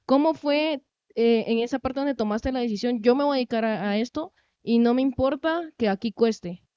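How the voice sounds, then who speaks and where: A woman's voice: a little high, moderate pace, dark tone, smooth, no echo, highs cut off. Enthusiastic woman host. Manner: enthusiastic, encouraging. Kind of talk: interview questions.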